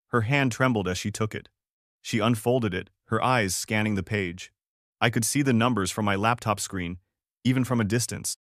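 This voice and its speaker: Low-voiced man narrating a story. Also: no echo, studio quality. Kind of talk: first-person story narration.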